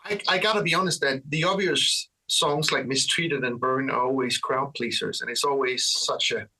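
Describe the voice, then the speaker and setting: Danish-accented man, bright husky voice. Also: medium pitch, normal speed, distant mic, rough recording. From Denmark. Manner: relaxed, rambling, frequent restarts and fillers. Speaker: guitarist guest. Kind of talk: casual interview chat.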